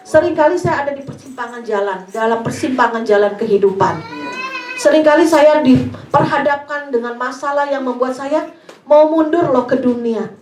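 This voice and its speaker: Woman, preacher, high-pitched, emotive storytelling, echoey room. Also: normal speed, darkish tone. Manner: storytelling, quoting prayers and dialogue with emotional swings. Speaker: speaker at a church service. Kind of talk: sermon.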